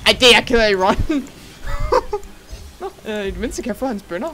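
A young adult host giving let's-play commentary over a game, excitable, laughing often and dropping English words into the talk. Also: mid-range voice. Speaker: gaming channel host.

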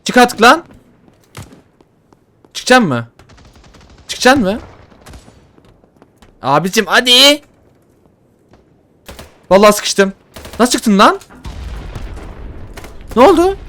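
A man giving casual, excitable commentary while playing a shooter game, joking and swearing at what happens. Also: high-pitched, takes it slowly, long pauses. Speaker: gaming YouTuber. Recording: faint gunfire behind. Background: faint game gunfire and explosions.

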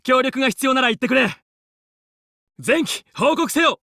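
Video game hero, determined young fox pilot: high male voice, commanding, earnest, dry recording. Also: expressive, normal speed, vocal fry, bright, forceful tone, dry recording, exaggerated voice. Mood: focused. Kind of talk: Japanese video game voice acting, battle callouts.

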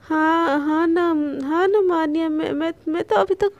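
A woman's voice: very high-pitched, fairly even intonation, unhurried, dark tone, no echo. A woman voicing a flustered young woman who stammers and repeats her words in an audio love story.

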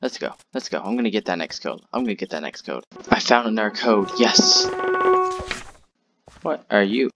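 A young man hosting a gaming channel, giving let's-play commentary in a jumpy, excitable way, yelping and trash-talking the monster. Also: on the low side, moderate pace, over loud music. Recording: loud game sounds with crickets behind.

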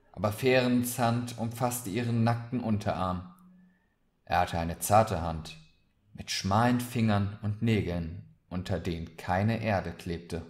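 A man reading a fantasy short story aloud, slow and deliberate. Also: fairly low pitch, darkish tone. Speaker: reader of short stories. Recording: roomy echoey recording.

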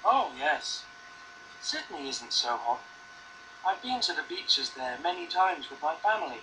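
A man voicing a friendly schoolboy in a slow, carefully spoken textbook dialogue recording. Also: on the high side, animated, background noise.

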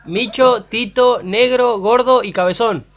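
A man shouting loudly from a distance into a phone call, asking for greetings. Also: very high voice, a little slow. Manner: shouting names from afar.

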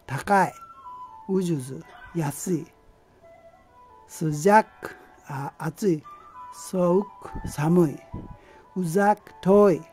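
A man giving an amateur language lesson, explaining patiently in a halting way with many pauses and fillers. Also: sits high, warm tone, soft background music. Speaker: language teacher.

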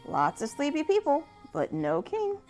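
A woman reading a picture storybook aloud to young church children, gentle and animated. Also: a little slow, faint music behind. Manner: gentle, animated reading with lively pitch swings.

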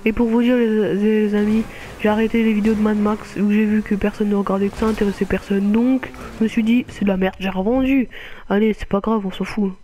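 A man's voice: high voice, little pitch movement, a little fast, warm tone, a little hiss or hum. A man giving casual commentary over a racing game, jokingly telling a friend off again and again. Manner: playfully scolds a laughing friend over and over. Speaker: gaming video host.

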